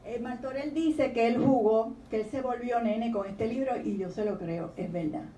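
A woman's voice: fairly high pitch, moderate pace, a little hiss or hum. A woman, a children's author, speaking on a panel and reading her poems aloud in a lilting storytelling tone. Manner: expressive, reads questions in a lilting storytelling tone. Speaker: children's author giving a talk. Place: university library lecture room. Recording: echoey room recording from far off.

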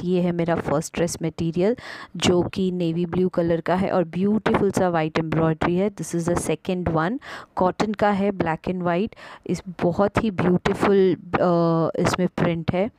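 Slow, low-voiced woman shopping vlogger. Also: fairly even intonation, very noisy. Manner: chatty, mixes Hindi and English, frequent "uh" fillers. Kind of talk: casual vlog narration.

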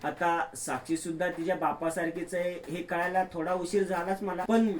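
A man's voice: high-pitched, level tone, normal speed, slight background noise, close to an everyday voice. A man voicing a scheming young woman in a retold soap story, curt and commanding. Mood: defensive.

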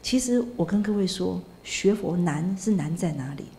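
A woman's voice: lowish voice, lively intonation, normal speed, vocal fry, dark tone, a little hiss or hum. A woman, a Buddhist nun, giving a sermon in a storytelling way, dropping in Hokkien words and tag particles.

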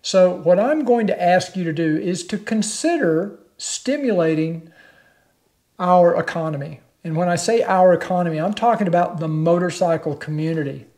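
A man's voice: sits high, dark tone. An older man talking straight to the camera from his living room, hosting a motorcycle channel in a plain-spoken, persuasive way. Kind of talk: direct-to-camera vlog.

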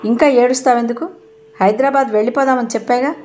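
A woman's voice: on the high side, fairly even intonation, fast talker, darkish tone, slight background noise, lightly acted. A woman narrator voicing a stern, sarcastic young husband who fires accusing questions.

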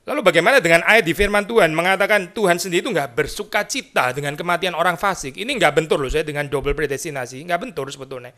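A man with a fairly high voice delivers a sermon from a church pulpit. He talks to the congregation conversationally and slips English terms into his speech. He drops to hushed asides, then rises into emphatic points. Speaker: pastor. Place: church sanctuary.

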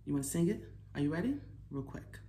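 Speaking quickly and expressively in a deep, dark voice, an American woman in her forties leads storytime for children, keeping it casual, encouraging them and asking questions. She's inside a small home living room; the audio is echoey, with clear background noise.

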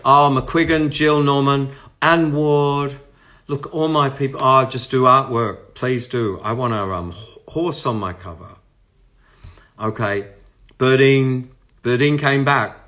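Chatting casually with livestream viewers from his party-lit home, this Australian man in his sixties, a musician, has a mid-range voice and a slow pace. His talk is rambling and warm, delivered close up to a phone camera, with loud guitar music in the background.

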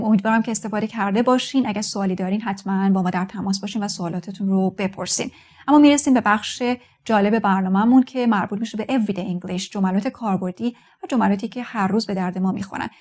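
Woman teaching an English lesson. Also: medium pitch. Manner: explains step by step, addresses viewers as friends. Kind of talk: TV language lesson.

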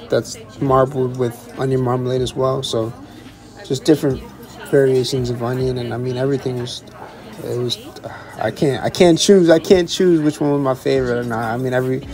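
A young man, a chef and vlogger, casually talking through a restaurant tasting menu with excited repetition and restarts. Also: medium pitch, moderate pace. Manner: enthusiastic, repeats words, restarts.

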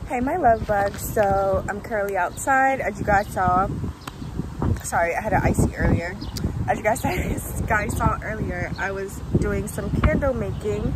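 A woman in her twenties, a lifestyle vlogger, chats casually to her phone camera in a slightly high voice, rambling and correcting herself along the way. The audio is very noisy. She starts indoors in her bedroom and later moves outside to the backyard.

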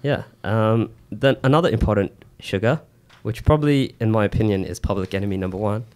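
Lower-pitched New man, casual podcaster. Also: darkish tone. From New Zealand. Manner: halting, informal, peppered with "you know". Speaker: podcast co-host explaining nutrition. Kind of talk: casual explanatory chat. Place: small indoor podcast studio. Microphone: close boom-arm studio mic with headset.

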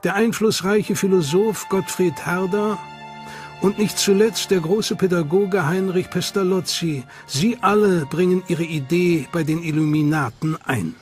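Loud music plays beneath a studio voice-over in which a high-voiced man narrates a documentary script. His delivery is dramatic and suspenseful, at a measured pace, on a studio mic.

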